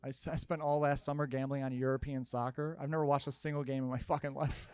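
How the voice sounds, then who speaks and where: Animated stand-up comedian, man. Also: medium pitch, quick pace, clear, resonant tone, no echo. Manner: animated storytelling, jumping to loud shouted bits. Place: comedy stage with audience.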